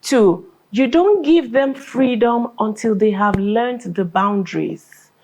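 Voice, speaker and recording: A Nigerian woman who directs a school, answering interview questions as an animated storyteller who acts out dialogue and laughs often. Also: fairly high pitch, takes it slowly, slight background noise.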